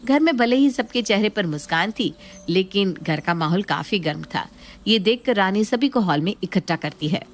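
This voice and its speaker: A woman narrating a scripted cartoon story for children in a lively, expressive way. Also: mid-range voice, normal speed.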